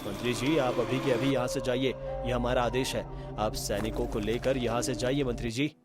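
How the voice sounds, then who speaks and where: A man's voice: mid-range voice, fairly even intonation, moderate pace, lightly acted. A man voicing a brave king who gives firm orders in a cartoon story. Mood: commanding. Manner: firm, commanding. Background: background music.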